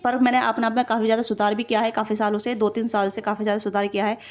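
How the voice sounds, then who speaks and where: A young woman giving a casual tarot reading to camera, talking fast in long run-on stretches with frequent fillers and self-corrections. Her voice sits a little high. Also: flat delivery. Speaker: tarot reader.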